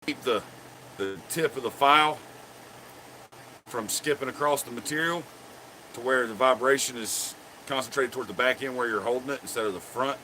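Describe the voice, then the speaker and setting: Over poor audio with a little hiss or hum, this medium-pitched man speaks at a normal pace in a bright, forceful tone. He's running a blacksmithing live stream at his workshop forge, joking in a folksy way and calling viewers by name as he shows off his work.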